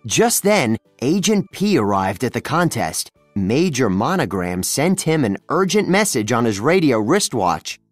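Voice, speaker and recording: A narrator reading a children's storybook aloud, with expressive storytelling. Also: mid-range voice, unhurried, hardly any pauses, dry recording, soft background music. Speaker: storybook reader.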